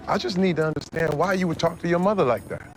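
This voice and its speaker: An actor playing a stern father sitting down with his teenage son, calm and firm. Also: fairly high pitch, a little fast, slight background noise, lightly acted, rough recording. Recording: clip from a sitcom with faint ambience.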